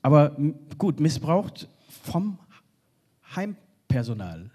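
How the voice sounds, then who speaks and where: A man speaking earnestly on a panel from a stage, often halting and restarting. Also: on the high side, sing-song, warm tone, slightly rough. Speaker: panel speaker for a refugee organization. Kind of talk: spoken panel contribution. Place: stage in a hall.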